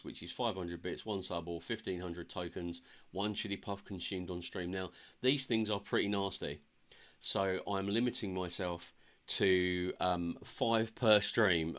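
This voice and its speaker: Low-voiced, chatty male game streamer. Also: fairly bright tone. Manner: chatty and upbeat, with many fillers. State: a bit tired. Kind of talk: casual live-stream chat.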